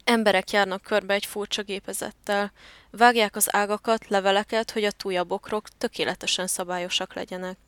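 A woman reading the lines of Otto, a devoted male turtle dove husband who is eager to please his mate, in a soft, earnest storybook voice. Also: medium pitch, fairly even intonation, smooth, no room sound, natural voice.

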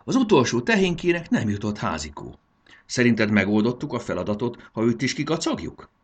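A man's voice: medium pitch, sing-song, slightly rough, voice pushed up. A man reading a storybook aloud and voicing a feisty little fairy girl who is pert and sulky. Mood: curious.

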